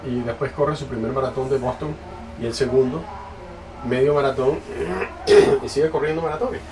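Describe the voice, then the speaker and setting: A man preaching in church, with the talk of a conversational storyteller who stops and restarts his phrases. His voice sits in a middle pitch. It is picked up from a distance, with steady noise in the room. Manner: conversational, halting, self-correcting. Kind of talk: sermon with a personal story. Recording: distant mic, noisy room.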